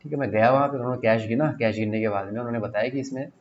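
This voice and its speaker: A man's voice: mid-range voice, fairly even intonation, racing. Chatty man teaching in a slightly dull recording. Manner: chatty storytelling, mixing English phrases, repeats himself. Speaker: exam coaching teacher. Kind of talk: casual online class talk. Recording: slightly dull audio with faint noise.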